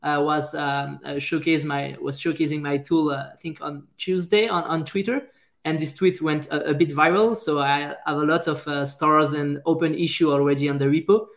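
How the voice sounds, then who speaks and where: A man from France with a French accent, a software engineer guest talking casually in an interview, often pausing with fillers and restarting his sentences. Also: fairly high pitch, steady tone, gravelly. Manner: hesitant, many fillers and restarts.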